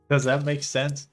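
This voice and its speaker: A young man from Belgium whose first language is not English, chatting casually and rambling, swearing now and then, as he walks viewers through a map he is building. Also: fairly high pitch. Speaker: streamer building a game map. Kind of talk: casual livestream commentary.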